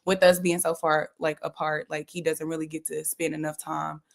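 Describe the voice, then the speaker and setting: A woman's voice: deep voice, flat delivery, normal speed, creaky. A woman, talking candidly as an interview guest and laughing often. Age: 30s. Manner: giggly, candid. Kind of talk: casual interview.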